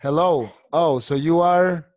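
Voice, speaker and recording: A man's voice: on the high side, takes it slowly, a little mellow, no echo, studio quality. A man teaching an online English class, explaining patiently and mixing Spanish with English.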